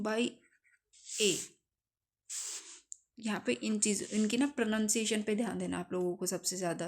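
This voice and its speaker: A woman with a Hindi accent teaching an English grammar lesson for exam preparation. She asks her class questions and answers them herself. She slows right down to read out each example sentence. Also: medium pitch, darkish tone. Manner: reads example sentences slowly.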